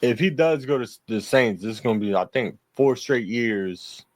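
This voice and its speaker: A male podcast co-host with a medium-pitched voice talks football at normal speed, recorded with no echo. The casual sports chat is profane and full of laughter and trash talk.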